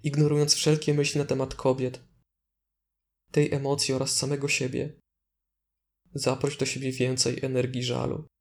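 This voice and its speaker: Male meditation guide, mid-pitched and level, calm, deliberate delivery with gentle instructions.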